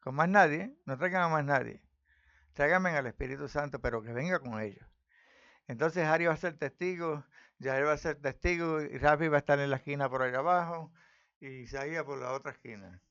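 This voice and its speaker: Gravelly preacher, fiery. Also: male voice, fairly high pitch, brisk, dull audio. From Puerto Rico. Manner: fiery, challenging, rising to loud declarations. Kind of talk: preaching commentary on scripture.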